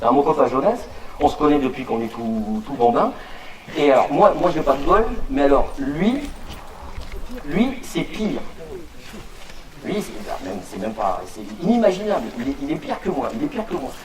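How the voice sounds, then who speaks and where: A man's voice: mid-range voice, moderate pace, crowd noise. A man performing stand-up comedy, telling a story with stammering restarts and acting out the characters. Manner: animated, stammering restarts, acts out voices. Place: live show venue with audience. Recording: roomy live stage sound from a distance, audience.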